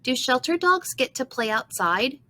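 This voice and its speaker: A woman's voice: sits high, big pitch swings, normal speed, sharp tone, pitched above the performer's own voice, full character voice. A woman voicing an eager, curious young girl in a storybook reading, asking earnest, hopeful questions.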